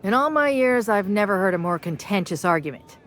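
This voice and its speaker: A woman's voice: mid-range voice, animated, brisk, a bit bright, slight background noise, lightly acted. Actress as a commanding, dry-witted woman who runs a bar, game NPC, mid-range voice. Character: stern no-nonsense female bar owner. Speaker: game character.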